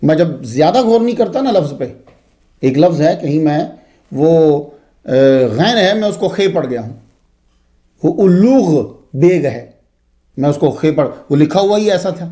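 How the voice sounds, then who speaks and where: A man with a voice on the high side delivers a religious history lecture at an unhurried pace. He tells it expressively, drifting into frequent asides.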